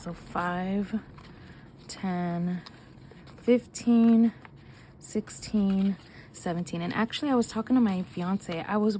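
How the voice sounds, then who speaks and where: Counting her cash aloud in quick, chatty bursts, a young woman talks casually about her budget in a vlog. Her mid-range voice is mellow, though illness leaves her nasal and short of breath, and a little hiss or hum can be heard.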